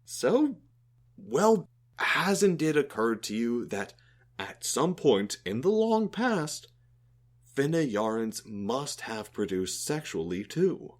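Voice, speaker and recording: A man's voice: mid-range voice, takes it slowly. A man voicing a thoughtful male alien who befriended a human, explaining things earnestly in an audio drama. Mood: musing. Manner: earnest, explanatory, lively intonation.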